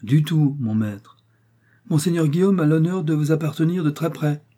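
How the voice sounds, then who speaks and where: A man reads aloud from an old novel, voicing a scheming male servant who slyly plots against his master. His voice is on the high side and pushed up, with a dark tone, normal pace and light acting. The delivery is mocking and insistent, ironic and bold.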